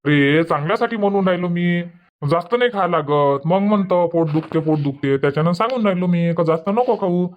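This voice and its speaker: A man plays a cranky elderly husband from a village in a dubbed comic cartoon, griping and lecturing briskly in a Varhadi Marathi accent. The pitch runs rather high but stays near an ordinary speaking voice, captured on dull, lo-fi audio.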